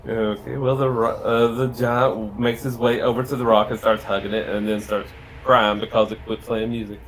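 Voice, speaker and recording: A man's voice: medium pitch, level tone, moderate pace, slight background noise, poor audio. A man working as game master, casually narrating a tabletop game and asking players for their moves.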